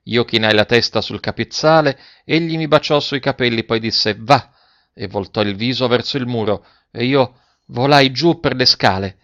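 A man narrating a story in a calm, measured reading voice. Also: mid-range voice, no echo. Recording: dull dry lo-fi recording.

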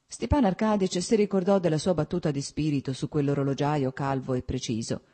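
Audiobook narrator, woman, low, dark, husky; measured literary reading. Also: fairly even intonation. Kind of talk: scripted narration.

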